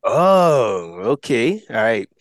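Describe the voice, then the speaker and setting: A man hosting a podcast chat whose pitch swings up and down as he jokes and laughs. He addresses listeners like an announcer. The sound is dry and close. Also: big pitch swings, very slow, dry recording. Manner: playful, laughs often, announcer-like asides. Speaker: podcast host. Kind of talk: casual chat.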